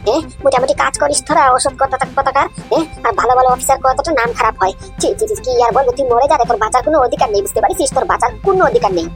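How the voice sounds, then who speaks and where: A woman's voice: sits high, soft background music, close to an everyday voice. A woman voicing a fiery cartoon cop. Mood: scolding. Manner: scolding, rapid, repeats "understand?". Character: defiant young male police officer, honest.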